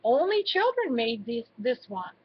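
A woman's voice: on the high side, sing-song, unhurried, a little hiss or hum. Lady doing a nervous little boy mouse, careful, kinda muffled recording. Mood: explaining. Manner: careful, hesitant. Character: shy, cautious young male library mouse.

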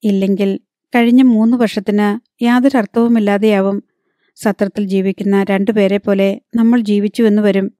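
Lady reading hurt young husband, pressing questions, warm low-key, dry audiobook. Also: steady tone, moderate pace, no room sound, lightly acted. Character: troubled young husband, firm and wounded.

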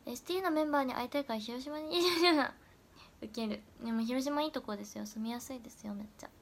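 A young woman, an idol trainee, chatting casually on a livestream and answering viewer comments, often dropping into soft whispers. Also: on the high side, quick pace, slight background noise. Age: young adult.

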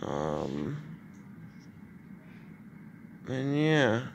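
A young man, groggy from anesthetic, talking in a halting, drowsy way in a casual video diary. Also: medium pitch, sing-song, vocal fry, a little hiss or hum. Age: young adult. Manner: slow, halting, drowsy delivery. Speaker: vlogger. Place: hospital room, lying in bed. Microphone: phone at arm's length.

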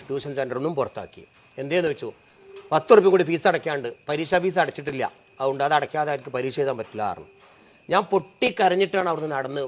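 A middle-aged man, telling an emotional personal story. His voice drops low and soft at the sad moments.

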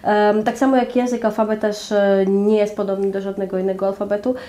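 A woman's voice: medium pitch, level tone, fairly quick, warm tone. A young woman from Georgia with a Georgian accent, a guest explaining her native language, speaking thoughtfully with many fillers. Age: young adult. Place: small indoor room, flag backdrop.

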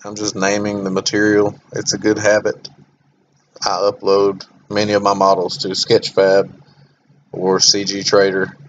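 A man with a monotone voice hosting a software tutorial, talking through each step as he clicks, with some fillers. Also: lowish voice, moderate pace, highs cut off, slight background noise. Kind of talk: screen-recorded software tutorial.

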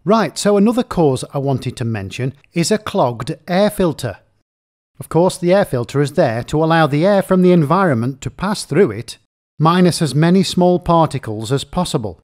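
A man's voice: on the high side, expressive, normal speed, a little mellow. A man giving a methodical, step-by-step repair lesson in plain explaining narration. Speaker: repair technician explaining chainsaw faults. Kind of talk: instructional narration.

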